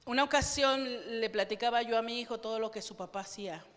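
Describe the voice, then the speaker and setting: A woman's voice: on the high side, brisk. A woman pastor preaching a fervent sermon and asking the congregation questions. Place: church. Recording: long reverb of a church hall.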